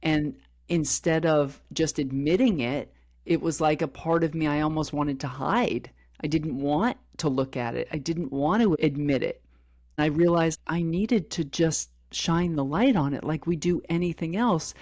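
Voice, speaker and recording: A middle-aged woman co-hosting a podcast shares a personal story candidly, often reenacting dialogue. Her voice is deep, measured in pace and a little mellow.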